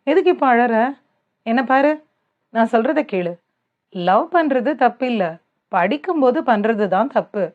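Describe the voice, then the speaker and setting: A young man comforting and advising with patient warmth of words, as a woman narrator voices him. He speaks in a soothing storybook tone. The sound is slightly dull. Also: on the high side, animated, measured pace, long pauses. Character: young man, teasing then gently fatherly.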